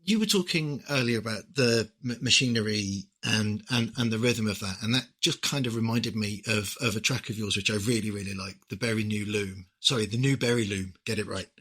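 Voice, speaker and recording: A man's voice: on the low side, fairly quick, few pauses, pushed and bright, slightly rough. A man hosting a podcast interview, hesitant and repeating words as he asks questions. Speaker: podcast host. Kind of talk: casual interview chat.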